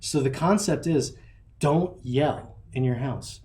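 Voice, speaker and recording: A man in his thirties, a podcast host telling rambling, animated stories about his kids and laughing at them. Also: mid-range voice, slow. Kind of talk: casual chat.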